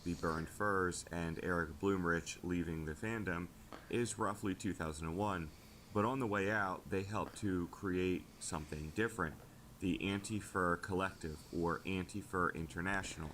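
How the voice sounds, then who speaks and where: Male documentary narrator, low and steady, informative read; audio has clear background noise. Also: normal speed. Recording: noisy played-back video audio.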